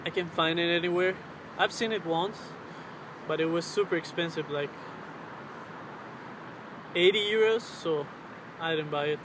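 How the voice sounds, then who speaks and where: A man in his twenties chatting casually to camera in a hesitant, halting way, searching for his words. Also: fairly high pitch. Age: 20s. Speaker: vlogger. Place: outdoors on a riverbank under a road bridge. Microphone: camera's built-in mic at arm's length. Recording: clear outdoor traffic and ambient noise.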